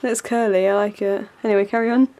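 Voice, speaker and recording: A woman's voice: mid-range voice, little pitch movement, quick pace, dark tone. A young woman chatting casually with friends, sounding tipsy and playful. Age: young adult. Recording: busy background chatter.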